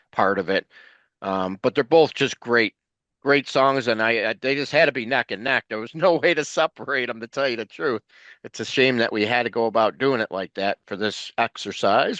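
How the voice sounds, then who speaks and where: A man's voice: medium pitch, a bit bright, no room sound, highs cut off. A man talking casually as a guest, rambling and repeating words as he restarts his sentences. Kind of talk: casual chat.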